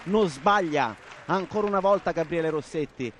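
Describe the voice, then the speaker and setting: A man's voice: fairly high pitch, normal speed, fairly bright tone, slight background noise. A man giving live sports commentary in a partisan, dramatic way, repeating key phrases. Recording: outdoor venue with crowd behind.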